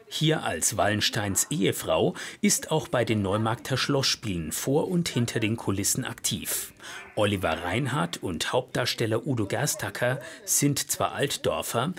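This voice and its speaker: A man's voice: medium pitch, animated, moderate pace. A man reading scripted narration for a television report as a voice-over.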